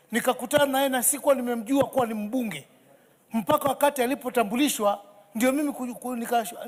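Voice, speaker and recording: A woman with a Kenyan accent gives a tribute speech as a member of parliament. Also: on the high side. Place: large parliament chamber. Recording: reverberant hall.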